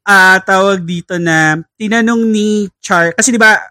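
An excitable man co-hosting a casual podcast, gushing to listeners as "guys." His voice is bright and fairly high. The sound is close and dry. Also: a little slow, no echo. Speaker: podcast co-host. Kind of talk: casual chat recapping a series.

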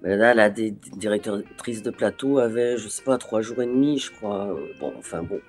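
Animated, hesitant French voice actress. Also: female voice, extremely low pitch, normal speed, soft background music. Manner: animated, acts out remembered dialogue; hesitant, with frequent restarts. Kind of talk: interview conversation.

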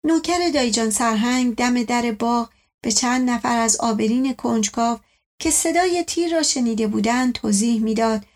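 A woman reading a novel aloud in scripted storytelling narration. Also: fairly high pitch. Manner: storytelling, voicing all characters. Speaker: audiobook narrator.

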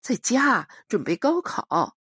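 A woman's voice: a little high, big pitch swings, slow pace, a bit bright, breathy edge, dry recording, studio quality, voice pushed up, exaggerated voice. A woman voicing a bold, playful young woman in a storybook reading, with a brash, teasing manner.

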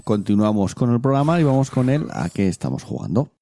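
A man with a Spain Spanish accent who hosts a casual gaming podcast. He talks briskly and steers the conversation from one segment to the next. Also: lowish voice, sing-song, creaky. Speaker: podcast host.

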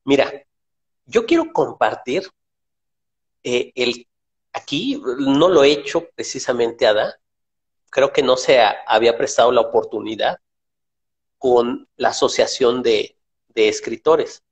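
A man talking in a relaxed, reflective way, often ending his points with a tag question. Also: mid-range voice, measured pace, long pauses, husky, highs cut off. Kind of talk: casual conversation.

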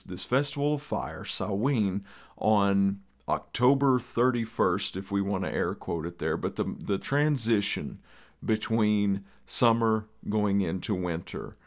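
A man with an Eastern Kentucky accent hosting a podcast in a conversational, rambling way with folksy asides. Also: on the low side. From Eastern Kentucky, USA. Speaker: podcast host.

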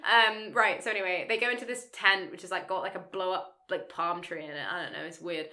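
A woman's voice: on the low side, steady tone, brisk, bright, forceful tone. A woman co-hosting a casual podcast, recapping a film with crude jokes and frequent laughter. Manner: laughing, crude and playful, quoting lines in mock voices. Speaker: podcast co-host.

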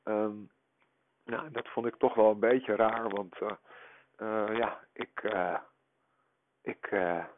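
A man in his forties leaving a rambling voicemail, played back over a phone line, talking haltingly with many hesitations. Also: fairly low pitch, steady tone, a little hiss or hum. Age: 40s. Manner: halting, full of hesitations and filler sounds. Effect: voicemail message played over a phone line. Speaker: podcast co-host.

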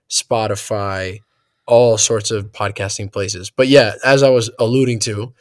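A young man hosts a relaxed gaming podcast with a lowish voice. He rambles and laughs easily. The sound is close and dry, with no room around it. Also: no echo. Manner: laid-back, rambling, laughs often. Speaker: podcast host. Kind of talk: casual podcast chat.

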